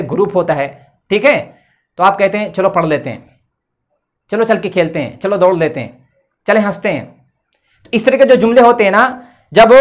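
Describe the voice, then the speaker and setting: Male English teacher, tinged delivery, patient board lesson, repeats his check-ins. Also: high voice. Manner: repeats "theek hai" often, explains patiently.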